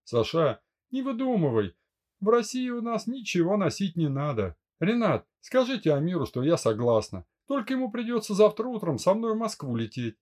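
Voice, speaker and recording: Guy voicing a fed-up young woman, higher voice, kinda indignant. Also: big pitch swings, moderate pace, a little mellow. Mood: defiant. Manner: stubborn, indignant pleading. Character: young woman, headstrong bride-to-be. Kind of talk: audiobook character voice.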